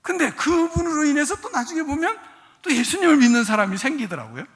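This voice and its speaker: A male pastor delivering a sermon, talking conversationally to the congregation and then building to shouted exhortations. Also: extremely high pitch, big pitch swings, quick pace. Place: church sanctuary. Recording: reverberant church sanctuary.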